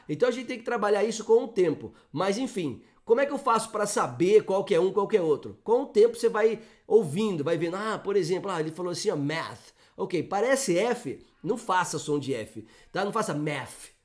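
A Brazilian man, an English teacher, explaining pronunciation in a chatty, lively online lesson and acting out examples. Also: sits high. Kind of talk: online English lesson answering viewer questions.

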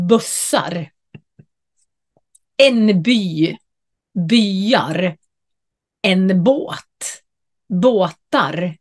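Female teacher, patient drill delivery, careful and clear. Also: medium pitch. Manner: slow, clearly spoken word lists with brief explanations. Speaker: Swedish teacher. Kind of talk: pronunciation drill lesson.

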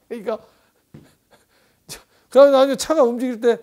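A man's voice: very high-pitched, fairly even intonation, a little slow, darkish tone. A man in his sixties, a professor, giving a rambling conversational lecture on politics with frequent rhetorical asides.

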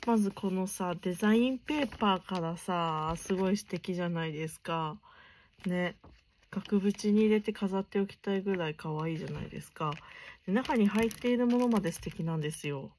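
A young woman chatting casually while unboxing stationery gifts, keeping her voice low and gushing softly, sometimes dropping to near whispers. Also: a little fast, slight background noise. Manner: soft-spoken, chatty, keeps voice down late at night.

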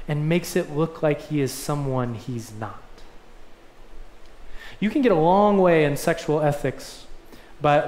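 A young man delivers a sermon from a lectern, earnest and emphatic, pressing his points with rising swells. His voice sits fairly high for a man. The sound rings around a roomy church sanctuary. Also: darkish tone, slight background noise. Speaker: pastor. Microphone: lectern mic. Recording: echoey church room.

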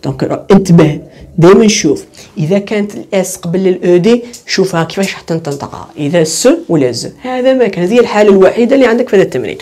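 Algerian woman tutor, quick delivery, drills points by repeating words, self-answering questions. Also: mid-range voice, lively intonation, warm tone. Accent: Algerian Arabic. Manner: asks questions and answers them herself, repeating key words. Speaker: English tutor. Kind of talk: online lesson.

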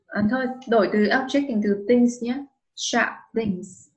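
A woman's voice: on the high side, unhurried, low-quality recording. A woman teaching English online with a Vietnamese accent, patiently dictating and spelling words letter by letter. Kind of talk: slow dictation lesson for a child.

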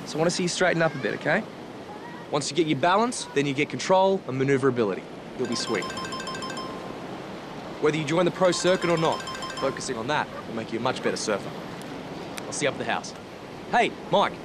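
A man's voice: fairly high pitch, animated, quick pace, pauses often, music in the background, natural voice. A man playing a blunt surf coach. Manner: blunt, easygoing coaching talk. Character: laid-back former pro surfer, male coach. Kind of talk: TV teen drama acting. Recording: outdoor noise with surf.

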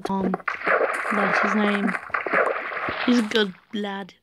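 A woman's voice: mid-range voice, level tone, slow pace. A tired teenage girl from Ireland, rambling through casual gameplay commentary with mumbled asides and sing-song chanting. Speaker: gamer. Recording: noisy home recording with clicks.

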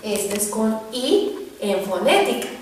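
A woman teaching a children's Hebrew lesson, naming each word slowly and clearly and repeating it. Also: mid-range voice, very animated, a little mellow, a little hiss or hum. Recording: echoey room, heard from a distance.

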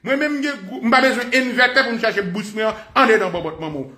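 A man's voice: very high voice, expressive, brisk, sharp tone, reverberant. A man with a Haitian accent, a radio commentator delivering a crude, mocking rant. He laughs through his words and mixes Creole and French.

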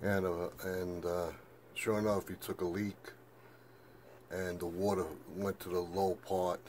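An older man with a lowish voice rambles on in a meandering monologue, stacking up fillers and retelling each exchange with "I said". A faint hiss sits under the audio. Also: flat delivery, measured pace, a little mellow. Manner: meandering, repeats "I said", many fillers. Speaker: flat-earth video maker.

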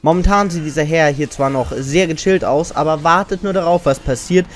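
Higher-pitched man narrating over music. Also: fairly quick. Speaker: host and narrator of a countdown. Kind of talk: scripted narration. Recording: music behind the voice.

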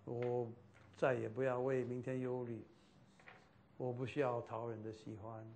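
Slow-speaking man teaching a class. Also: mid-range voice, flat delivery, darkish tone, slight background noise. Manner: loose, repetitive, mixing in English fillers.

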